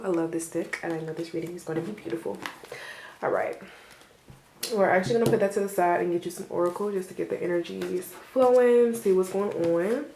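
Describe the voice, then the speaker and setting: A woman's voice: on the low side, gravelly, mellow, a little hiss or hum. Chatty woman giving a tarot reading. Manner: rambling and reassuring, with frequent laughs and fillers. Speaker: tarot reader. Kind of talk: casual spoken tarot reading. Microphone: camera mic. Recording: roomy echo.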